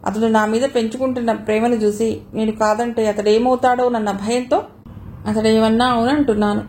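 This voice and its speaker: A woman's voice: a little high, level tone, moderate pace, darkish tone, slight background noise, natural voice. A woman reading the part of a proud young woman in an audio novel, speaking in a cool, matter-of-fact way.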